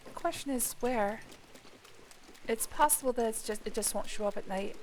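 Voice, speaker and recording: A woman streaming a video game, talking casually through her play with joking asides and quick apologies. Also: on the high side, darkish tone, a little hiss or hum. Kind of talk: casual let's-play commentary.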